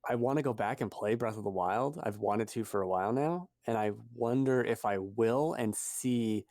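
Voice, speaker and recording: A man's voice: on the low side, moderate pace, a little mellow, no echo, studio quality. A man co-hosting a podcast in casual chat, rambling and correcting himself as he goes. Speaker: podcast co-host.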